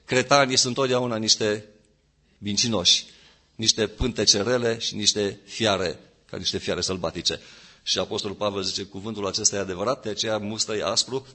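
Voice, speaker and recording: A man preaching a sermon, rising to loud emphatic peaks and then dropping low. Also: steady tone.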